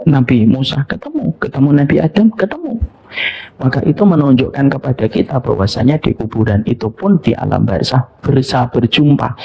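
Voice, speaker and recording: A middle-aged man preaching a lively sermon, asking his audience questions and dropping to soft near-whispers for tender moments. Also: medium pitch, slightly rough. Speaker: Islamic preacher. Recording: dull lo-fi lecture recording.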